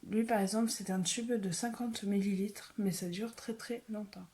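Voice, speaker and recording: A woman vlogger chatting casually through a beauty haul, soft-spoken and often slipping into a whisper. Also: mid-range voice, steady tone, moderate pace. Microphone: phone.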